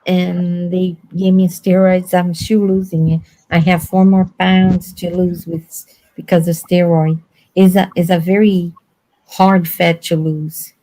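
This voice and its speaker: A woman's voice: on the low side, slow pace, low-quality recording. Blunt, chatty woman host. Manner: blunt, animated storytelling with quoted voices. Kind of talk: casual chat.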